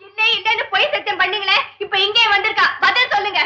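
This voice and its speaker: A woman's voice: extremely high pitch, fairly even intonation, quick pace, bright, forceful tone, full character voice. An actress playing a naive, chatty young woman, a clerk's daughter, in a 1960s film comedy. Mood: chirpy. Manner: artless, chirpy. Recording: dull old film soundtrack.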